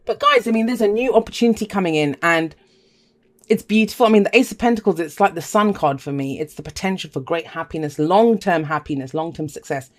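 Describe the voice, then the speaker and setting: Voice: mid-range voice, a little fast. Chatty, enthusiastic tarot reader. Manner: enthusiastic, emphatic repetition, chatty asides. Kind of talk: casual spoken tarot reading to viewers.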